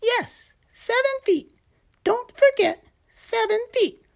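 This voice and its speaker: Storybook gecko, small cheerful male, read by a woman, chirpy coaching voice, slightly gravelly. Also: very high-pitched, expressive, slow, pitched above the performer's own voice, full character voice. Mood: encouraging. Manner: chirpy and encouraging.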